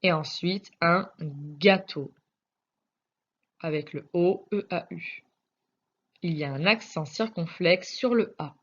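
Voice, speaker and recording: Woman teacher reading out a phonics lesson for little kids, slow and patient, lowish voice, kinda dull lo-fi sound. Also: slightly rough. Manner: slow, careful, spells out letters one by one. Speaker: primary school teacher. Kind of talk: recorded video reading lesson for young children. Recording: dull lo-fi recording.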